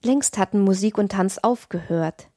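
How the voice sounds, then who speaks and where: A woman narrating a classic tale as an audiobook reader, in a measured, expressive reading. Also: medium pitch, no room sound, studio quality.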